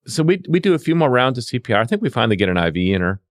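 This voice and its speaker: This man, a paramedic who also teaches CPR, races through his field anecdotes in a sing-song, mid-range voice, voicing each exchange as quoted dialogue. The sound is clean studio audio without any room sound.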